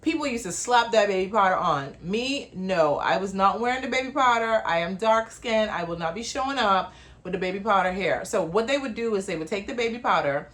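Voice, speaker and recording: A chatty woman with a lilt hosts her own show. She talks loosely and often laughs, dropping quick asides as she goes. Her pitch sits right in the middle. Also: expressive, a bit bright. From Bahamas. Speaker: host. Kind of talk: casual talk-show monologue.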